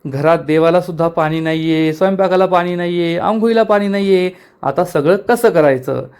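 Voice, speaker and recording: A man's voice: high-pitched, normal speed, darkish tone, clean tone. A man reading aloud the lines of an angry, wronged woman who scolds and accuses her rival. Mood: scolding.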